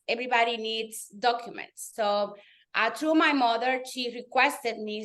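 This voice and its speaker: Appearing as a guest in a webinar conversation, a real estate team leader from the Dominican Republic speaks animatedly with a Dominican accent, Spanish being her native language. Her voice is fairly high-pitched with a fairly bright tone.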